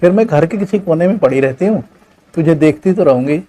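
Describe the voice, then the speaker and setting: A man voicing a gentle, sad old mother who pleads softly and forgives. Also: a little high, animated, fairly quick, voice pushed up. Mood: gentle pleading. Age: over 60. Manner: soft, hushed pleading.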